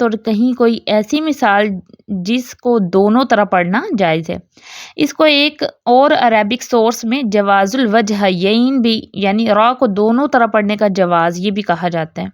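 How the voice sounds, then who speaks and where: A woman teaching a recitation lesson who explains step by step, checks understanding often, and slowly chants the example words. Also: a little high, dry recording, studio quality. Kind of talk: tajweed lesson in Urdu.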